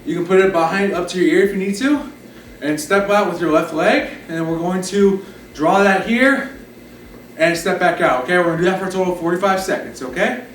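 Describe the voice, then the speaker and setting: High-voiced male fitness instructor, echoey room. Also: a little fast, slight background noise. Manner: encouraging, short coaching cues and counts. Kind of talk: live exercise class instruction with counting. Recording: roomy echo, distant mic, background music. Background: music.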